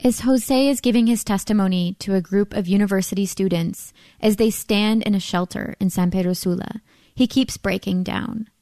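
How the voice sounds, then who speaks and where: A woman reporter giving serious, steady scripted news narration. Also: medium pitch, normal speed, dry recording, clean studio sound.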